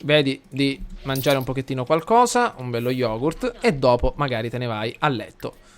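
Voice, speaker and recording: A man with an Italian accent commentating a life simulation game for his viewers, chatty, talking to the audience and getting loud and excited during the action. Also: mid-range voice, normal speed. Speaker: gameplay commentator. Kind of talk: let's play commentary.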